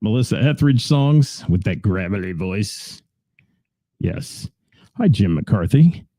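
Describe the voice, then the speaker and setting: A man's voice: fairly low pitch, lively intonation, slow, mellow, dry recording, clean studio sound. A man hosting a local radio show in a rambling, chatty, self-deprecating way, greeting listeners and talking about gigs. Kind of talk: casual radio chat reading listener comments.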